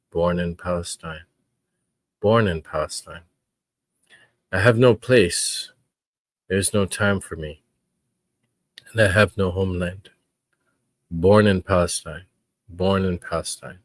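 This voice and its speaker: A man hosting his own podcast, talking in an earnest, reflective way with frequent pauses. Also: low-pitched, no echo. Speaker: podcast host. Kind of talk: casual podcast commentary.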